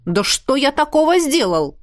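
A woman voicing a calm, playful grown man, a rector who teases and coaxes in a soft, lowered voice. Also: normal speed, no echo, studio quality, close to an everyday voice. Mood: teasing. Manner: soft, lowered, easygoing and coaxing.

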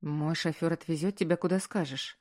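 A gentle, persuasive man in a romance audiobook, speaking softly and coaxingly to win someone back. A woman reader plays him in a fairly low, hushed voice. His delivery stays tender and close. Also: fairly even intonation, brisk, natural voice. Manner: soft, coaxing.

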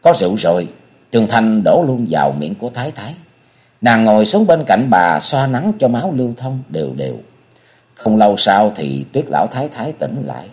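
A man's voice: lowish voice, a little mellow. A man narrating a martial-arts novel audiobook in a dramatic storytelling manner.

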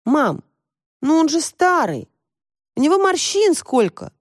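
Audiobook: woman playing a dramatic teen girl, high, bouncy and insistent. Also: sing-song, dry recording, clean studio sound, full character voice. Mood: pestering. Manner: quick, insistent, squealing up high. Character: excitable teenage girl, pestering and dramatic. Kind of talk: audiobook character voice.

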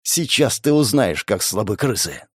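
A man's voice: on the low side, big pitch swings, moderate pace, husky, no echo, clean studio sound. A man voicing a desperate young swordsman. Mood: defiant. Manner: shouting in pain and rage. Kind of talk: audiobook character voicing.

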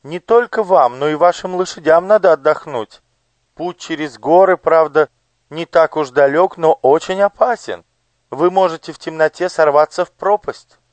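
A man's voice: on the high side, moderate pace, no echo, pitched above the performer's own voice, natural voice. A man voicing a gracious but cruel noble lady who talks in a coaxing singsong.

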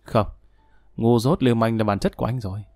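A man's voice: mid-range voice, steady tone, fairly quick, a little mellow, no echo, close to an everyday voice. A man doing a scornful estranged wife. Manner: cutting, contemptuous.

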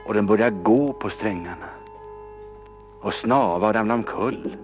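A man reading a children's story aloud, lively and expressive, sometimes dropping to a whisper. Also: fairly low pitch. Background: instrumental music.

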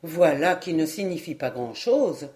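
A woman's voice: deep voice, very animated, a little slow, darkish tone. A woman reading the part of a terse, agreeable older army major in an audiobook. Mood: dry.

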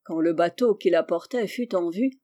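A woman reading a classic children's novel aloud as an audiobook, with measured, expressive storytelling. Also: on the low side. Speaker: audiobook reader. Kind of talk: scripted narration.

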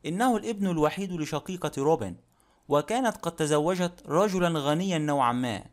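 A man's voice: fairly high pitch, lively intonation, fairly quick, lightly acted. A man voicing a stubborn elderly lady. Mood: firm. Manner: firm, self-assured speech. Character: elderly widowed aunt, stubborn. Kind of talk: audiobook character reading.

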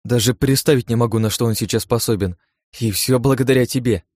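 A man's voice: medium pitch, fast, darkish tone, no room sound, studio quality, pitched above the performer's own voice, close to an everyday voice. A man voicing an eager, proud young swordswoman who speaks with delight and a huffy edge in an audiobook. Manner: enthusiastic, huffy. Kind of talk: audiobook character voice.

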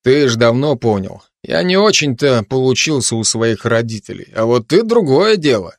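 A wry, grumbling constable, read by a man, trading dry sarcastic jabs with a cat in an audiobook. His voice sits in a middle pitch, close and dry with no room around it. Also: sing-song, normal speed, dry recording. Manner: dry, sardonic, chatty banter with a cat.

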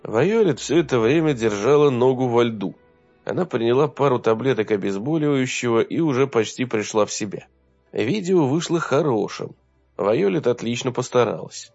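A man giving a steady, low-key first-person audiobook narration. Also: gravelly. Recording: dull lo-fi recording.

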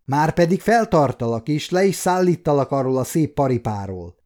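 A man voicing a gruff castle gate guard who shouts threats at a stranger, in an audiobook. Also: mid-range voice, very animated, natural voice. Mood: hostile.

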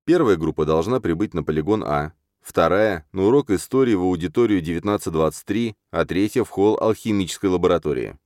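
Deep-voiced sardonic male audiobook narrator. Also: lively intonation, brisk, few pauses, a little mellow, no echo, studio quality. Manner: sardonic, crude and brash. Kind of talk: first-person audiobook narration.

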